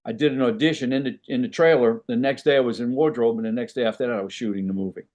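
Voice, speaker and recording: A man's voice: medium pitch, rapid-fire, a little mellow. An older man, an actor guest on an interview, telling stories in an easygoing, rambling way with frequent "you know"s. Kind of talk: casual interview chat.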